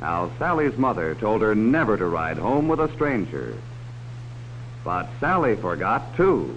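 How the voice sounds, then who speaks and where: On a dull, hissy 1950s film soundtrack, a man with a lowish voice and big pitch swings speaks at a measured pace. He is the cautionary adult narrator of an educational film, talking straight to children in a folksy manner and posing leading questions to warn them about strangers.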